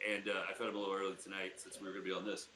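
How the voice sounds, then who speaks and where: A man co-hosts a podcast in easy, rambling chat, padding his thoughts with fillers and laughing often. His voice is bright and forward. The recording has a roomy echo. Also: low voice, level tone, racing, a little hiss or hum. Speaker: podcast co-host. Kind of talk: casual chat.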